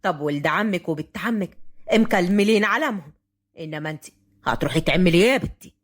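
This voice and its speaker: An old Upper Egyptian grandfather rules his household in a deep, firm voice, as a woman narrator puts him on. He is strict and authoritative, speaking with an Upper Egyptian accent in an audio storybook. Every order comes out heavy and final. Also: lively intonation, fast. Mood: stern. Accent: Upper Egyptian Arabic. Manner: stern and commanding.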